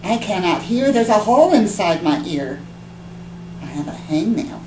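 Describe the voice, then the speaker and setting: A woman's voice: medium pitch, sing-song, normal speed, close to an everyday voice. A woman voicing a little girl who dramatically lists made-up illnesses in a whining voice. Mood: whiny. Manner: dramatic complaining, sometimes near whisper. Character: whiny little girl faking sickness. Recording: echoey room with background hum.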